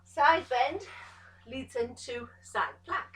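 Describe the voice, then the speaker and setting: Bright-voiced woman cueing a pilates class. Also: high-pitched, takes it slowly, distant mic. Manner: calm step-by-step cueing, encouraging. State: out of breath at times. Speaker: pilates instructor. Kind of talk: exercise class instruction. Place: pilates studio room. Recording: echoey studio room, voice from off the mic.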